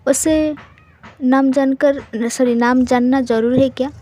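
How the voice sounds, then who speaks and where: A woman's voice: sits high, steady tone, measured pace, mellow, a little hiss or hum. A woman voicing a guarded young woman biker with an injured hand, giving curt, lightly teasing replies.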